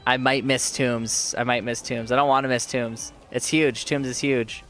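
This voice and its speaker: A man streams a game live, chatting casually and reading and answering viewers while a sore throat makes his voice fade. He speaks at medium pitch and normal speed, a bit bright with little pitch movement, over soft background music.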